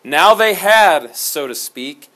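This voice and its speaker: Animated, jokey male teacher in a classroom. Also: fairly high pitch, slow pace. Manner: animated, jokey, dramatic storyteller. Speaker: history teacher. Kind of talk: classroom lecture.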